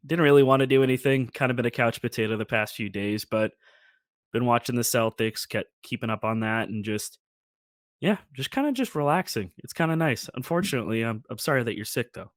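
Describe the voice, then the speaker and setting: A relaxed male co-host chats about basketball in a loose, easygoing way at a mid pitch. His voice sounds dry and close to the mic. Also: dry recording. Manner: easygoing, relaxed, filler-heavy. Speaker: podcast co-host. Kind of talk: casual sports podcast chat.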